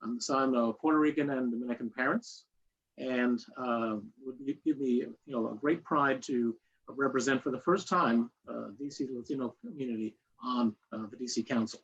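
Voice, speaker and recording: A man's voice: medium pitch, moderate pace, fairly bright tone, husky. A male candidate giving a proud, confident opening statement at a political forum. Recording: dull lo-fi audio with faint noise.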